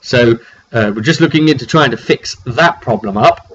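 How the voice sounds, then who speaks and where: A man with a cold, clearing his throat often, casually recaps a tabletop roleplay session he ran as game master, telling it haltingly, phrase by phrase. His voice sits at medium pitch, and the makeshift mic gives a dull, lo-fi, clearly noisy recording.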